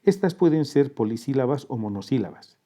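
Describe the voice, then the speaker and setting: A man narrating a scripted lesson in a calm, methodical manner, walking step by step through each example. His voice is very dark and mellow, at an ordinary middle pitch. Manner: measured, methodical, breaks words into parts. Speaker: teacher.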